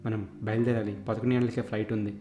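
A man's voice: on the low side, little pitch movement, fast, echoey room, music in the background, lightly acted. A storyteller doing an eager, pressing man. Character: determined middle-aged man searching for someone.

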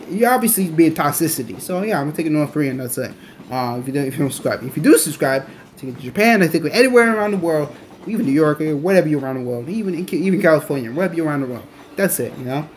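Young male podcast host, rambling and loose; slightly higher voice, faint background noise. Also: expressive, rapid-fire. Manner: rambling, many restarts and fillers. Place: on his way to a train station.

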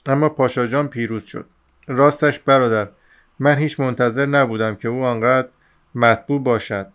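A man reading the part of a chatty, excitable young male student in an audiobook, rambling eagerly in a smooth, clear voice. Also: mid-range voice, close to an everyday voice. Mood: excited rambling. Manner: rambling, eager, talks over himself.

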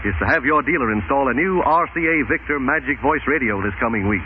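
A man's voice: medium pitch, lively intonation, slight background noise. Old radio show announcer, tinny man's voice. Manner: formal, measured announcer delivery. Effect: old radio show broadcast sound. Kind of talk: 1930s network radio announcing. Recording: tinny lo-fi 1930s radio broadcast.

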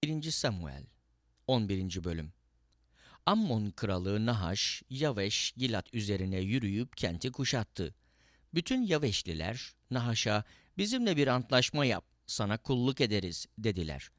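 Male Bible reader, animated delivery, dry studio sound. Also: fairly low pitch, moderate pace, no room sound. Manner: lively, lifts his voice for quoted speech. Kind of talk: scripted scripture reading.

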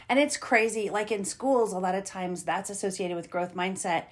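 A woman's voice: medium pitch, steady tone, moderate pace. A woman hosting a podcast interview, affirming and enthusiastic toward her guest. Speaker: podcast host. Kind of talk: casual interview.

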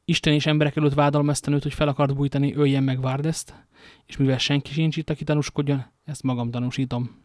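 A man's voice: on the high side, level tone, few pauses, dry recording, lightly acted. Guy reading an earnest young musketeer accusing someone, formal, dry sound.

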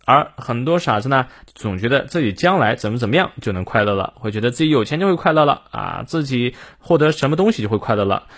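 Man, English teacher, lively pitch, dry close recording, careful slow readings. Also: dry recording. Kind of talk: morning English lesson, explaining and modeling pronunciation.

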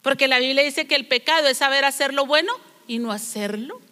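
A woman preacher, high-pitched and bright, speaking earnestly to her congregation. Her sermon rings through a church with a long reverb. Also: a little fast. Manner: earnest, storytelling, rhetorical questions.

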